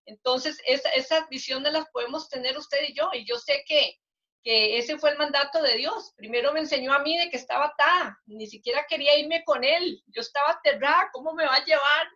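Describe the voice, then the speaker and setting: Earnest older woman, high bright voice. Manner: earnest, halting, with many restarts. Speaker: guest sharing a testimony. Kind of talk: casual interview testimony. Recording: dull lo-fi recording.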